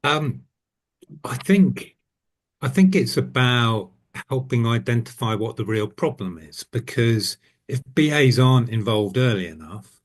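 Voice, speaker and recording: A man from the United Kingdom on a discussion panel, explaining his view thoughtfully with pauses and rephrasing over a video call. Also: mid-range voice, animated. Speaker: panel guest, senior business analyst.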